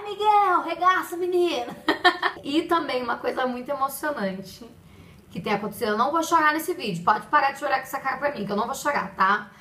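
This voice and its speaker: A woman's voice: high voice, reverberant, rough recording. A young Brazilian woman talking casually and expressively to her viewers in a pregnancy diary vlog. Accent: Brazilian Portuguese. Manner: chatty, expressive, addresses viewers directly. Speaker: vlogger.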